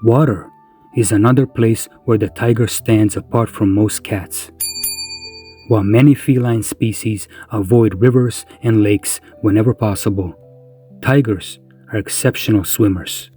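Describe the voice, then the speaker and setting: A man narrating a scripted wildlife documentary in a measured, solemn way with deliberate phrasing. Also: on the low side, fairly even intonation, dark tone, soft background music.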